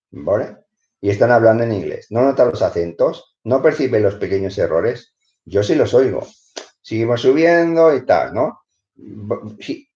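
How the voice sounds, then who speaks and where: A man's voice: lowish voice, warm tone. A man with a Spanish accent teaching English in a live stream, reviewing a book, switching between English and Spanish and often checking in with "¿vale?". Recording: roomy, dull lo-fi stream audio.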